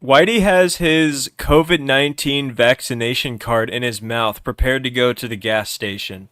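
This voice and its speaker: A young man hosting a livestream, loudly and teasingly narrating an improvised role-play game and often restarting his words. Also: medium pitch, moderate pace, clean tone, no room sound, studio quality.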